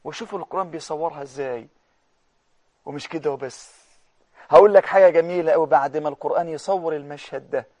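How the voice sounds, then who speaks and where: A man preaching a televised sermon in Egyptian Arabic, impassioned, moving between hushed and loud passages. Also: a little high, fast talker, pauses often, dry recording. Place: TV studio.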